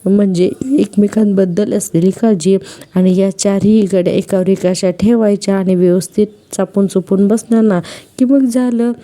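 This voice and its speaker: A woman's voice: medium pitch, fairly even intonation, moderate pace, mellow, natural voice. A woman reading a patient young wife. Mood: explaining. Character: patient young wife teaching her husband.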